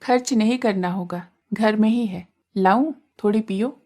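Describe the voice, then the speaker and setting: A woman voicing a grieving young widow who pleads softly and tearfully. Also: medium pitch, a little slow, natural voice. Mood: gentle coaxing.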